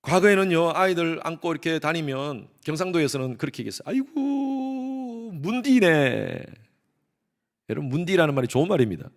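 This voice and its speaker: A middle-aged man preaching a Sunday sermon as pastor, emphatic, swinging between loud stresses and hushed asides, acting out quoted speech. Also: a little high, rapid-fire, few pauses. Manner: acts out quoted speech in voices. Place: church sanctuary.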